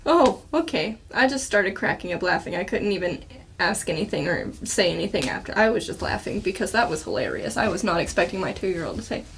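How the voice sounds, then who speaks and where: A woman hosting a casual podcast, telling animated stories about her kids. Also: on the low side, fast, gravelly, hardly any pauses, slight background noise. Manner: animated, laughing storytelling. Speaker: podcast host, mother.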